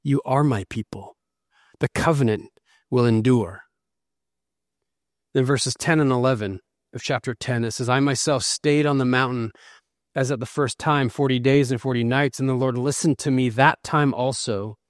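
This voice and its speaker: A man's voice: mid-range voice, normal speed, no room sound, clean studio sound. A middle-aged man preaching a sermon, reading scripture and telling personal stories in an earnest way. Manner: earnest storytelling preacher, reads scripture aloud. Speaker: pastor.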